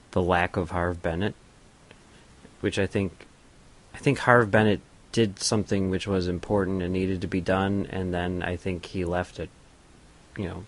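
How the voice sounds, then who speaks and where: A man with a very deep voice talks through a film with friends. He builds his points slowly and hedges as he goes. The tone is casual. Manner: deliberate, hedging with filler phrases. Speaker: podcast commentator. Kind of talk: casual movie commentary chat.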